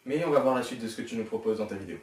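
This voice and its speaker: A young man giving sarcastic reaction commentary with a teasing, quick-witted manner. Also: on the low side, a little mellow, slight background noise. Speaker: reaction youtuber. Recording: echoey room, distant from the mic.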